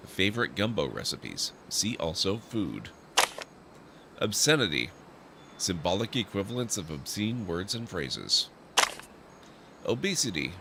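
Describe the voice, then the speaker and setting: A man's voice: low-pitched, gravelly, very noisy. A man commenting on a video game playthrough and reading game text aloud as he streams.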